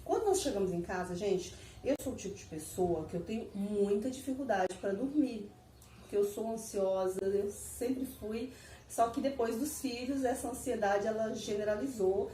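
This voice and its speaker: A woman casually telling her viewers a personal story, animated and repetitive, laughing as she goes. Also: mid-range voice, normal speed, a little hiss or hum. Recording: echoey room, mic at a distance.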